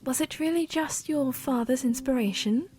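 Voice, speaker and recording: A woman playing a young princess in a fantasy audio drama, speaking formally and gently with some hesitation. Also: high voice, normal speed, lightly acted. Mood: probing, wistful. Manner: formal, careful phrasing with hesitant stammers.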